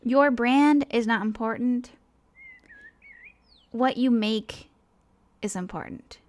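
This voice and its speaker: Slow and a little high-pitched, a woman who creates animations and online videos talks casually and earnestly about herself. The monologue rambles, and she frequently hesitates and interrupts herself.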